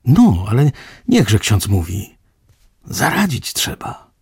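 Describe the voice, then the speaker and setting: A man voicing an older village painter who talks loudly and insistently in a read-aloud story. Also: medium pitch, very animated, takes it slowly, breathy edge, dry recording, clean studio sound, full character voice. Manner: loud, insistent, emphatic. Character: hearty older male village painter, forceful.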